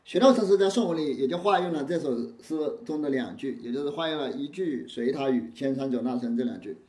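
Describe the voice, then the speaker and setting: A man giving a line-by-line lecture on a classical Zen text. He recites each old line slowly, then explains it in plain words. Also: mid-range voice, darkish tone. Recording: roomy echo.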